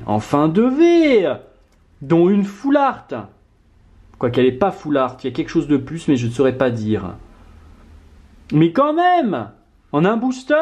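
Guy at home ripping open card packs, mid pitch, mutters then yells all excited, casual vlog chat. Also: husky. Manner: animated, excitable, swings from muttering to loud exclamations. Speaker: vlogger opening trading card packs. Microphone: camera mic on tripod.

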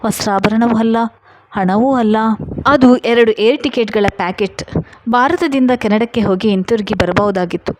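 A woman reading a first-person love story aloud in a steady, even narration. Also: a little high, moderate pace, noisy background.

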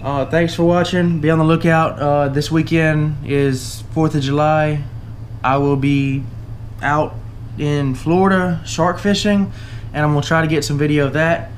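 For a giveaway on his fishing channel, a young man with a Southern US accent casually shows off tackle at an indoor table, shot from an overhead camera. He's relaxed and halting, leaning on uh and um, with a fairly high voice and slight background noise.

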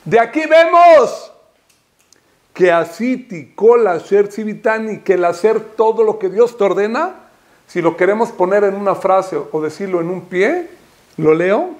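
Man, rabbi, high voice, Torah sermon, impassioned repeated calls. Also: lively intonation, moderate pace, darkish tone. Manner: peppers speech with Hebrew terms.

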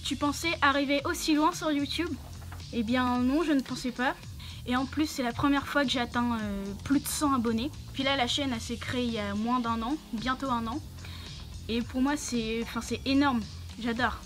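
A woman's voice: high-pitched, steady tone, normal speed, a bit bright, soft background music. A young woman talking through a costume head, hosting a casual question-and-answer vlog with many hesitant fillers. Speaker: channel host answering questions.

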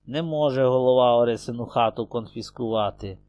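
A man's voice: mid-range voice, a little fast, dry recording, muffled recording, natural voice. A man voicing a friendly village accordion player who speaks firmly and reassuringly.

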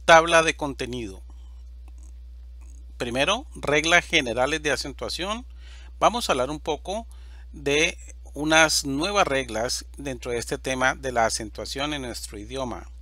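A man teaching a slide-based Spanish grammar lesson, speaking slowly and deliberately and stressing each example word loudly. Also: medium pitch, no echo.

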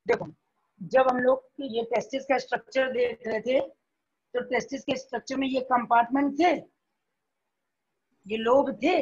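A woman's voice: high voice, a little slow, pauses often, husky, dull audio. A woman teacher with an Indian accent giving a classroom biology lecture, repeating points and checking that students follow.

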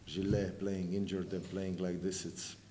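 A visiting basketball coach answers questions at a post-game press conference, his male voice very deep, flat and a little slow. He comes across blunt and frustrated, often correcting himself. The table mic picks up an echoey press room with a sponsor backdrop and plenty of background noise.

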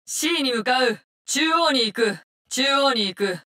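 Heavily acted and forceful, the high, bright female voice moves slowly and expressively as an actress plays a cold, vengeful poison-wielding assassin in a Japanese-dubbed game. She issues curt, contemptuous commands in a curt, tactical mood.

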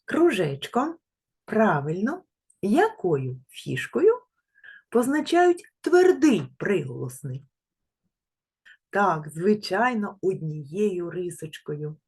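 Kindergarten teacher lady, super lively sing-song pitch, slow and gentle, stretches out the sounds for the kids. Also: breathy edge. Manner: gentle, praising, uses endearing diminutives. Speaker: preschool teacher. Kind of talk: remote literacy lesson for small children.

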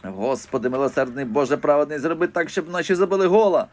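A man's voice: fast talker, lightly acted. A man voicing an old village cleaning woman who mutters prayers and shrieks at the referee. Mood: praying. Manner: mumbling prayers, shrill when excited. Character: old woman, school cleaner, pious fan.

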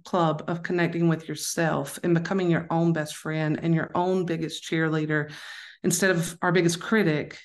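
A woman with a Southern accent, a life coach talking frankly and upbeat in a casual interview, often restarting and asking "right?". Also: lowish voice.

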